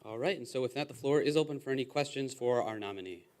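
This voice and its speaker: Young guy running a student senate meeting, brisk and procedural, calling votes. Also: medium pitch, a little mellow. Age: young adult. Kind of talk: parliamentary procedure.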